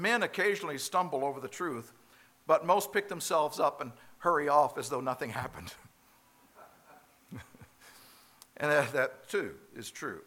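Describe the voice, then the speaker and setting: A man preaching a sermon, growing emphatic and loud on key phrases and slowing down to read scripture. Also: a little high. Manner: slows down for quoted scripture.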